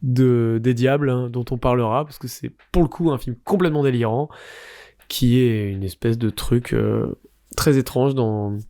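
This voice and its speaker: A man's voice: mid-range voice, normal speed, dark tone, dry recording. A man co-hosting a podcast, casually recommending films in a rambling, hesitant way with many fillers. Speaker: podcast co-host.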